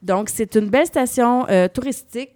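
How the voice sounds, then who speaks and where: A woman's voice: a little high, normal speed, a little mellow, no room sound, clean studio sound. A woman with a Québécois accent presenting a travel column on the radio, explaining destinations and spelling out names. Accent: Québécois French.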